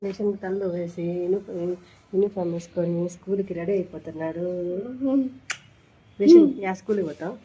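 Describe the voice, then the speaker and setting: A woman narrating a family vlog, gently coaxing her small son and repeating her questions to him. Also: on the low side, brisk, husky, poor audio. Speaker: mother filming a family vlog.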